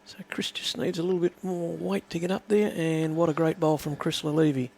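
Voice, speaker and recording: Gravelly man calling bowls. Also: a little high, moderate pace. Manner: steady, explains play and answers viewer questions. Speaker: bowls commentator. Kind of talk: live sports commentary.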